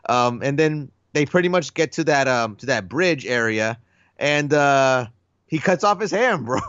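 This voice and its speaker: A man co-hosting a film podcast, relaxed and enthusiastic as he retells scenes and calls his partner "bro." His voice is mid-pitched and recorded dry, with no room sound. The audio is a touch dull and lo-fi. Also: unhurried, clear, resonant tone, no room sound. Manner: laid-back, enthusiastic, says "bro". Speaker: podcast co-host. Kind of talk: casual film discussion.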